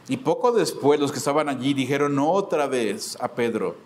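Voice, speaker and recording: A man preaching a sermon as pastor in a church, emphatic and expressive. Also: mid-range voice, normal speed, slight background noise. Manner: emphatic preaching, acting out quoted voices. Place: church sanctuary.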